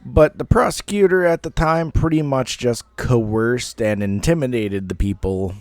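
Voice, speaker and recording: A man in his thirties, an online storyteller, casually tells a personal story, rambling and poking fun at himself with some mild swearing. His mid-range voice is unhurried, and the recording is dry.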